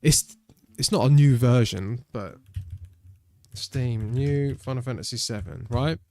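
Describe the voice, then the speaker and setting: A man's voice: mid-range voice, unhurried, darkish tone. A British man chatting casually and rambling while streaming a game. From Britain. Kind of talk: casual live-stream chat.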